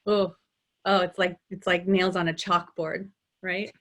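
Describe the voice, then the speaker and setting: A woman, a dialect coach, talking in a relaxed interview, animated and laughing often, with many restarts. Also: on the low side, measured pace. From United States. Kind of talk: conversational interview.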